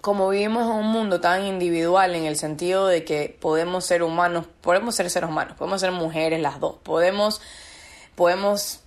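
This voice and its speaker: Woman, podcast guest, fairly low voice, earnest, searching, repeats words for emphasis. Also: steady tone, normal speed. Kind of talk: reflective personal conversation.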